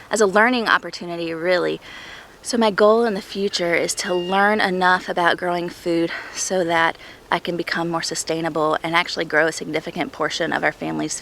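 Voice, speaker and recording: A woman's voice: on the low side, gravelly, fairly bright tone, slight background noise. A woman in her thirties giving a chatty, enthusiastic tour of her backyard vegetable garden, breathing heavily in the summer heat. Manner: chatty, enthusiastic, thinking aloud. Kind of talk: casual garden tour vlog.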